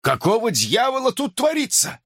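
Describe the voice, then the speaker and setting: A man's voice: very high-pitched, very animated, slow pace, a bit bright, no echo, studio quality, pitched above the performer's own voice, exaggerated voice. A man voicing a worried, angry father demanding answers in an audiobook. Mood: alarmed.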